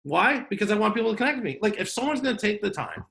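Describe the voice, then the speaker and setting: A man hosts an online business workshop over a video call, speaking in a casual, wisecracking, off-the-cuff way. His voice sits a bit high and has a gravelly edge. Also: sing-song, very fast, bright, forceful tone. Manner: joking, chatty, off-the-cuff. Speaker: workshop host.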